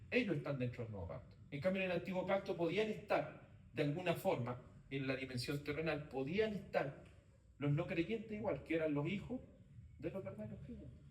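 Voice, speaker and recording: A Bible teacher leads a theology class, speaking in short phrases, repeating key points, and asking the class to confirm. His voice is on the high side and comes from off-mic in a roomy, echoey space with faint background noise.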